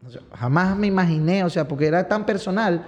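A man's voice: sits high, fairly quick. A young man with a Venezuelan accent, a singer-songwriter telling stories animatedly in a casual interview. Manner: animated storyteller. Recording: dull lo-fi recording.

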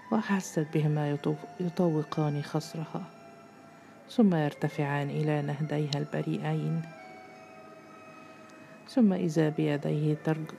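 A woman storyteller reading a literary story in a slow, measured, intimate way. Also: deep voice, vocal fry, warm tone.

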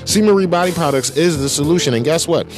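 A man's voice: on the high side, quick pace, music in the background, rough recording. An American man hosting a talk show, speaking in casual, emphatic, slangy and profane monologue.

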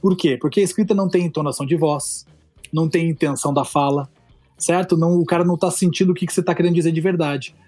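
Man, Brazilian accent, fast, high-pitched, dry close sound, explanatory, playful. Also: fairly even intonation, a little mellow, no room sound, faint music behind. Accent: Brazilian Portuguese. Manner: explanatory, playful, many fillers. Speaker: Portuguese teacher guest. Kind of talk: casual podcast chat.

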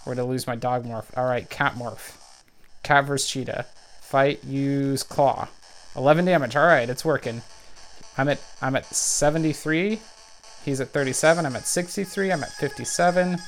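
A let's play gamer gives excitable running commentary on a video game, calling out every move and health number as he plays. His voice is medium-pitched at a normal speed, and the low-quality recording carries slight background noise.

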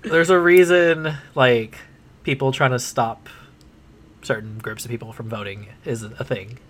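A man's voice: medium pitch, fairly even intonation, measured pace, a bit bright. An American man chats as a podcast co-host. His voice is nasal and sniffly, and his delivery is informal and conversational. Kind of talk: casual chat.

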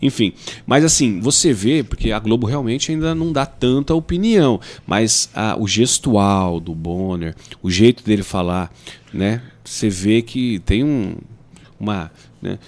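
A man from Brazil in casual chat, animated and joking, often mimicking people. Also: fairly low pitch, unhurried.

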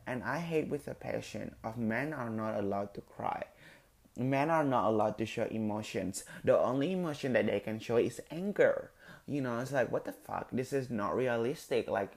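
Gravelly-voiced man ranting on a podcast. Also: mid-range voice. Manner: emphatic, profane, rambling with many fillers. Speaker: podcast host. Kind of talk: casual solo podcast monologue.

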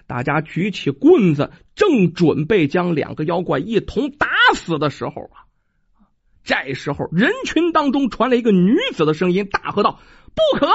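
A lively storyteller whose voice swings up and down through a traditional folk tale, full of chatty asides. The voice is a little husky, and the recording sounds dull and dry. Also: medium pitch, normal speed, no echo.

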